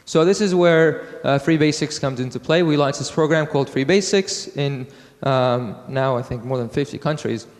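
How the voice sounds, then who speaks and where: Casting note: mid-pitched man from Iraq, conference speaker, halting delivery, long hall reverb. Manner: halting, many fillers and restarts. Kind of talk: technical conference talk.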